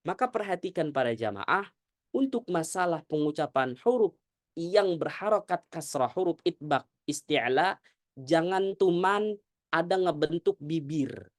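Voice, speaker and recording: A male Quran recitation teacher giving a tajwid lesson to a congregation, demonstrating Arabic sounds slowly and often asking if it is clear. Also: fairly high pitch, animated, no room sound, studio quality.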